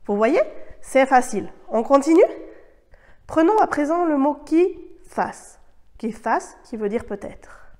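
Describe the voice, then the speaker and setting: A woman whose first language is French, giving a scripted online Spanish lesson in a clear, measured way and modeling the words. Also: on the high side, darkish tone. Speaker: Spanish teacher.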